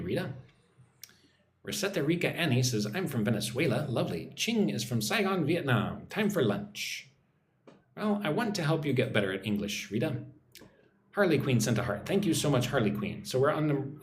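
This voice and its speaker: Here the teacher, a man from the United States, has a mid-range voice, and the recording sounds roomy with a slight hiss or hum. On his live stream he reads out comments from viewers and slowly pronounces words for people to repeat.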